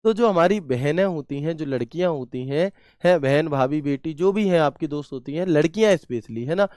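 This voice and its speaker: A man's voice: on the high side, expressive, normal speed, a little mellow, no echo, clean studio sound. A man teaching a computer class online, chatty, asking questions and answering them himself with homely examples.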